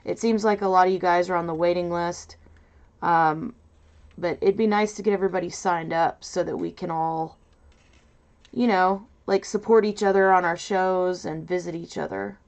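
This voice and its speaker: Loud nasal woman rambling on a stream. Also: fairly low pitch, fairly even intonation, moderate pace, gravelly. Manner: rambling, hesitant, full of fillers. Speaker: livestream host. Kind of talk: casual livestream chat. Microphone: mic set off to the side, away from camera.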